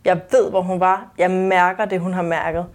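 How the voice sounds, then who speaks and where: A woman co-hosting a podcast, chatting casually in an animated way, swearing freely. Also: on the low side. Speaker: podcast co-host. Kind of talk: casual chat.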